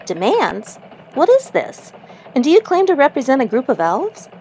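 A woman's voice: high voice, huge pitch swings, normal speed, mellow, a little hiss or hum, exaggerated voice. A woman playing an earnest elf field reporter in a mock radio newscast. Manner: newsy reporter delivery.

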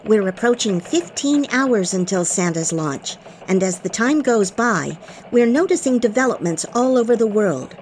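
A woman voicing a cheerful female elf news reporter in a scripted radio broadcast, with a bright newsreader delivery. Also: medium pitch, lively intonation, normal speed, a little hiss or hum, lightly acted, poor audio.

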